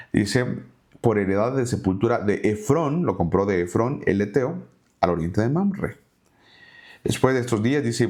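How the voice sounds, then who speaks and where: Low-voiced man teaching from the Bible. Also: a little mellow. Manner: reads scripture aloud then paraphrases it conversationally.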